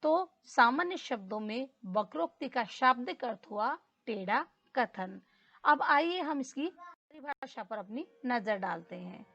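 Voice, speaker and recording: A woman teacher explaining a grammar lesson slowly and deliberately, repeating key terms. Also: fairly high pitch, animated, creaky, fairly bright tone, dull audio.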